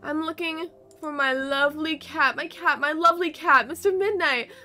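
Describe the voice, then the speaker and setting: A woman's voice: high-pitched, moderate pace, sharp tone. Woman reading as an earnest young girl. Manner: earnest, pleading. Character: young girl searching for her cat.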